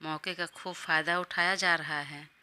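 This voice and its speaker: A woman's voice: deep voice, steady tone, normal speed, bright, forceful tone, clean tone. A woman voicing a playful young man who ribs his married best friend, in an audio story. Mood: teasing. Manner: playful, ribbing.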